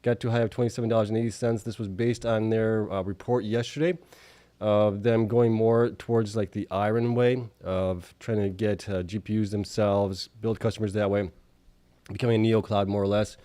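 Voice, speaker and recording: Coughs and sniffles from allergies slightly affect this stock market video show host as he reads out figures in an informal recap, dropping offhand asides. His lowish voice barely moves in pitch, keeps a moderate pace, and sounds warm in a dry recording.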